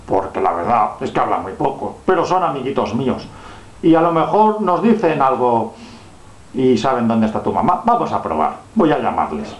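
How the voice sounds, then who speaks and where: Man playing a gentle friendly superhero, echoey room. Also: mid-range voice, sing-song, normal speed, natural voice. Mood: friendly, helpful. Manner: gentle, reassuring, simple talk to a child. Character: friendly flying male superhero helping a lost little girl. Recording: dull, echoey home room recording.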